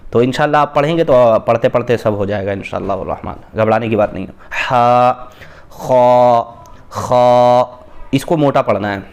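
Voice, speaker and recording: A man, teaching a beginners' Quran reading lesson, patiently explaining and repeating Arabic letters slowly and drawn out. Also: medium pitch, gravelly, darkish tone.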